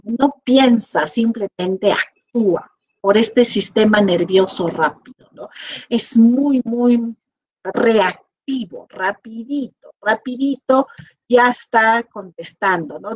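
A middle-aged woman with a Peruvian Spanish accent, giving an online class lecture in an animated way. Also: mid-range voice, dry recording, low-quality recording. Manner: animated, acts out quoted people with lively voices. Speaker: teacher.

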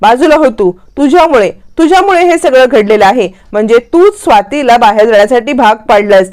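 A woman voicing a panicky, harsh mother-in-law who talks in a shrill, accusing way. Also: moderate pace, darkish tone, lightly acted.

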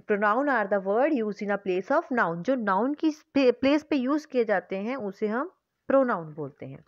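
Indian english teacher lady, fairly high voice, dull dry lo-fi sound. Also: no echo. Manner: explains slowly in English, then repeats fast in Hindi with quiz questions. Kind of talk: bilingual classroom lesson, mixing Hindi and English.

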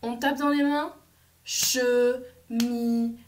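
A woman teacher, leading a phonics lesson for young children, slow and clearly articulated and encouraging. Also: on the high side, animated, slight background noise. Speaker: kindergarten teacher.

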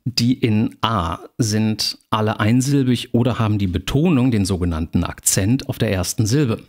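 Male lecturer, lowish voice, measured explanatory delivery, formal address to students. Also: darkish tone. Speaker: university lecturer. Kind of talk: university lecture.

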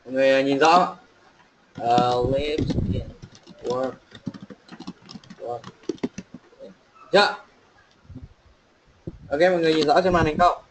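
A man from Vietnam teaching an online pronunciation lesson, chatting casually and slowly repeating phrases for students to copy. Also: fairly high pitch, a little hiss or hum, rough recording. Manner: casual, chatty explaining with fillers. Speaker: English teacher.

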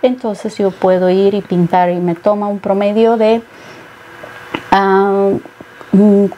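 A woman's voice: mid-range voice, little pitch movement, slow pace, mellow, lo-fi sound, a little hiss or hum. A middle-aged woman from Peru, a painter being interviewed, speaking thoughtfully with many hesitations. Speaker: painter guest. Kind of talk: interview conversation. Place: studio set with bookshelves.

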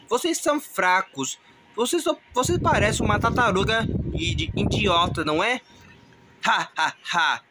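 A man's voice: sits high, expressive, unhurried, background noise. A man voicing a boastful, mocking male dinosaur villain in a homemade toy movie, taunting and laughing scornfully. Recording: loud music underneath.

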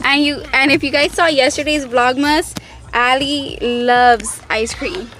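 High-voiced, bright young woman vlogging. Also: fairly even intonation, unhurried. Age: young adult. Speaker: family vlogger, mother. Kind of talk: casual chat to camera. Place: home living room, later inside a car at night. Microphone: phone at arm's length.

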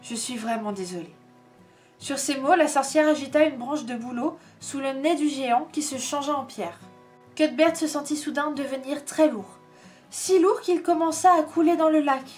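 A woman reads a storybook aloud, expressive and measured. Her voice is high, with soft music playing faintly behind her. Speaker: reader.

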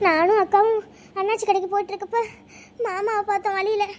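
Someone doing a squeaky eager little girl. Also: level tone, quick pace, slight background noise. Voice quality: very high-pitched, squeaky. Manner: eager, breathless reporting. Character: chatty little village girl, the younger sister. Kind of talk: cartoon voice acting.

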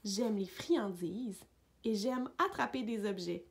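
Slow, gentle woman reading a storybook. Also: mid-range voice, gravelly. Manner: gentle, unhurried storytelling for young children. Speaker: children's book reader. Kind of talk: read-aloud storybook narration.

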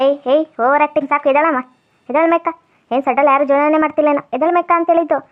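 A woman's voice: high voice, steady tone, rapid-fire, natural voice. A woman doing a bossy lady police officer. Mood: scolding. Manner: scolding and ordering. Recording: tinny phone-like sound.

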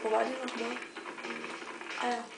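A woman's voice: on the high side, level tone, normal speed, gravelly. A young woman with an Austrian accent giving casual, informal gameplay commentary and swearing freely. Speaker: let's play host. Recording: roomy echo, game music behind. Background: video game music.

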